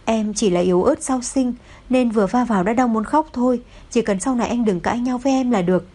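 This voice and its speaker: A woman voicing a young new mother who talks softly and playfully. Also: on the high side, a little fast, husky. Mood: tender. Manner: soft, playful.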